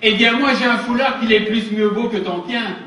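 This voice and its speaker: A man playing a silly, naive clown sidekick in a kids party magician show, childish and quick to interject. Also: sits high, steady tone, noisy background, close to an everyday voice. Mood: boastful. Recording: roomy, distant live show recording.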